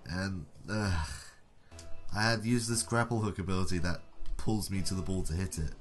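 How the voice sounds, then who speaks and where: A man's voice: sits low, fairly even intonation, moderate pace, soft background music. A young man giving casual, sarcastic running commentary over a car-football game, mocking himself and his teammates. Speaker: gaming YouTuber.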